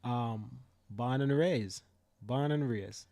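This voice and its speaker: A young Jamaican man hosts a live stream, his medium-pitched voice slow, creaky and slightly mellow. He rants fiercely, swearing and repeating himself for emphasis in heated commentary.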